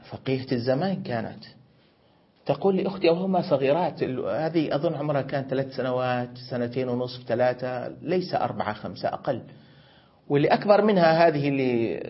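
A middle-aged sheikh with a husky, medium-pitched voice teaches a religious grammar lesson woven with storytelling. He explains by posing questions and then answering them himself. The recording is muffled.

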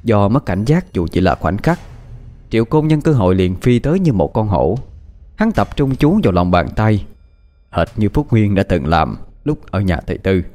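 A man narrating a martial fantasy audiobook in a dramatic, expressive reading style. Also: on the low side, normal speed. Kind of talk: scripted story narration. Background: faint background music.

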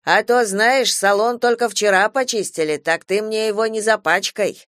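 A woman's voice: medium pitch, moderate pace, a bit bright, dry recording, clean studio sound, lightly acted. Woman doing a sneering rude male driver. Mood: mocking. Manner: teasing, sneering. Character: mocking rude male chauffeur.

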